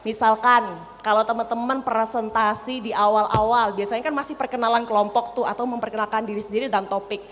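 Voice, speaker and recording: A woman's voice: fairly high pitch, steady tone, quick pace, a bit bright. Playful East Javanese woman trainer, echoing hall. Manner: playful, laughs often, demonstrates voice techniques. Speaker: public speaking trainer. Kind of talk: lively workshop talk. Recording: reverberant hall, faint noise.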